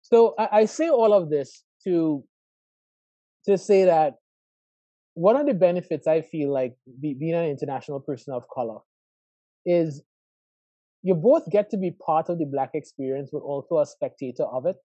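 A man's voice: a little high, animated, moderate pace, pauses often, mellow, no echo, muffled recording. A man in his forties from Trinidad and Tobago with a Trinidadian accent, a professor speaking as a guest in an interview, thoughtful and reflective, often asking "right?". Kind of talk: conversational interview over a call.

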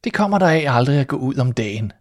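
A man's voice: mid-range voice, expressive, lightly acted. A man doing a sly greedy storybook cat. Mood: smug. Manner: smug and sly, turning sharp and threatening. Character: sly greedy male tomcat, smug and menacing.

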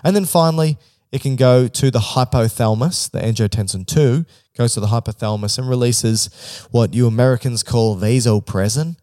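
A man's voice: medium pitch, a little fast, few pauses, warm tone, no room sound, studio quality. A man co-hosting a podcast, explaining a topic step by step in an informal, joking way. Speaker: podcast co-host. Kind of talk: casual explanatory chat.

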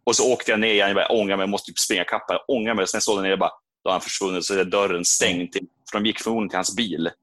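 A man, chatting casually and telling an animated anecdote with acted-out reactions. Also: low-pitched, hardly any pauses, no echo. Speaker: podcast co-host. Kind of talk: casual chat, storytelling.

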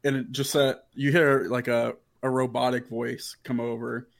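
A man's voice: mid-range voice, level tone, normal speed, creaky. A man narrating as game master of a tabletop game, rambling and filling his sentences with "like". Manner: rambling, heavy use of "like".

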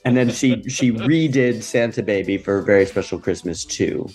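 A man co-hosting a casual podcast, trading wry jokes with quick comebacks. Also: lowish voice, a little mellow. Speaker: podcast co-host. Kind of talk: casual chat.

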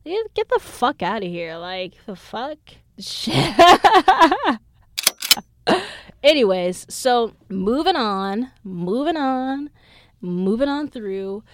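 A woman's voice: a little high, sing-song, very slow, dry recording. Twenties woman ranting on her podcast, swears a lot, dry close sound. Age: 20s. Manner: blunt, profane storytelling. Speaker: podcast host. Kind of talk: casual chat.

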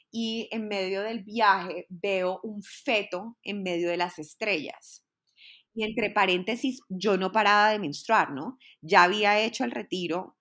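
A woman's voice: mid-range voice, a bit bright. A young adult woman, telling a personal story in a candid, earnest way and repeating words for emphasis.

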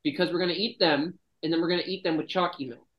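A man's voice: on the high side, fairly even intonation, fast, lo-fi sound. Brash, swearing male podcast host. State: feeling sick and nauseous. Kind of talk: casual chat.

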